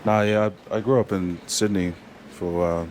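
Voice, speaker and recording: On the low side and a little mellow, the steady-toned voice belongs to a young New Zealand rugby player chatting as a casual interview guest. He halts, restarts, and leans on fillers, with some hiss or hum in the recording.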